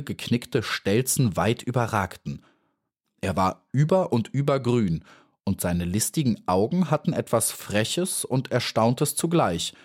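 A man narrating a children's audiobook in a calm, even storytelling manner. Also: fairly low pitch.

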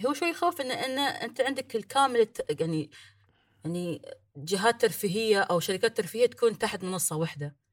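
Fast-talking woman hosting a podcast. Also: mid-range voice, expressive. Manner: fast, bubbly, teasing, laughs often. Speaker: podcast host. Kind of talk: casual podcast chat.

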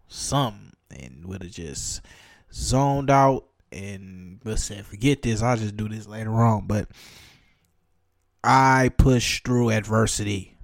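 A man's voice: lowish voice, gravelly, dry recording. Man, podcast host, tired, rambling, self-mocking, dry close sound. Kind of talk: casual chat.

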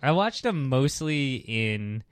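A man's voice: mid-range voice, sing-song, takes it slowly, clear, resonant tone, dry recording. A man co-hosting a podcast, chatting casually in an earnest, mock-naive way that is easily alarmed. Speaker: podcast co-host. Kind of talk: casual comedic chat.

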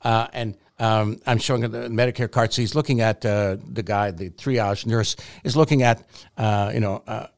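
A man's voice: fairly low pitch, moderate pace, creaky. A man, a journalist and broadcaster, talking as a guest in a conversational interview, wry and joking as he tells stories. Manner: animated storyteller, wry and joking.

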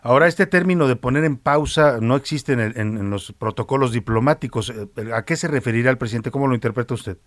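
A man hosting a radio news show, courteous and steady with his listeners and guests. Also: mid-range voice, fast talker, few pauses, dry recording, studio quality.

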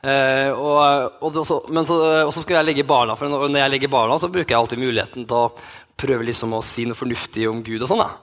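A man's voice: medium pitch, fairly even intonation, fairly bright tone. A man in his thirties, a youth pastor, telling a personal story in a sermon with many restarts and fillers. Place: church hall.

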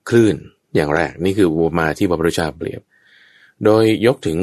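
A man's voice: low-pitched, a little fast, darkish tone, dry recording, clean studio sound. A man teaching Buddhist Dharma in a conversational way, explaining patiently and checking that his listener understands.

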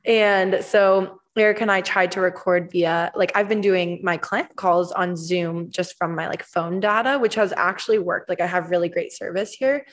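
A woman's voice: lowish voice, fairly even intonation, moderate pace, few pauses. A woman co-hosting a podcast in casual, candid, informal chat, recorded in a rooftop common area with unusual acoustics. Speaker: podcast co-host, wellness coach.

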